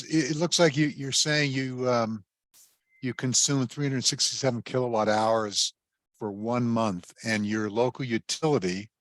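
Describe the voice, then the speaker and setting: A man speaks over an online group video call, his voice dry and close to the mic, average in pitch. He reads out an audience question and answers it in a halting, stop-and-start way. The connection drops out now and then. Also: fairly bright tone, no echo. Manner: halting, restarts phrases, reads a question aloud. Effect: voice over an online group video call, cutting out at times. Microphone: computer or headset mic on a video call.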